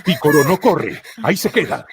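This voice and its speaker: A man's voice: a little high, big pitch swings, normal speed, gravelly, very noisy. A man narrating a cartoon episode like a storyteller, adding comic asides. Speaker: storyteller, streamer.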